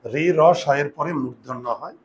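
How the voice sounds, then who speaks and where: A male teacher at a medium pitch gives a grammar lesson in a patient, steady way. He repeats each rule and asks his students questions before answering them himself. A faint hiss and some room ambience sit under his voice. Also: moderate pace.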